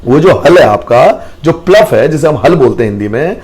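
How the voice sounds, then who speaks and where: Lively male science teacher. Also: mid-range voice, moderate pace. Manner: lively, affectionate toward students, repeats and rephrases points. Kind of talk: classroom lesson.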